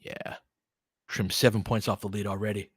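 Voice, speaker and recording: A man's voice: lowish voice, flat delivery, moderate pace, breathy edge, no echo, clean studio sound. A man doing casual live basketball play-by-play as a stream host, speaking conversationally in short, clipped phrases. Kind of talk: casual live basketball commentary with fan chat.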